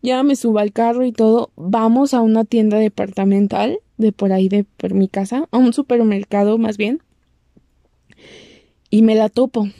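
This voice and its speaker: A woman's voice: fairly even intonation, normal speed, mellow, dry recording, clean studio sound. A young woman with a Mexican accent telling a personal story to the camera, chatty and acting out what people said. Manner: chatty, acts out quoted lines in a squeaky voice. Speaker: vlogger.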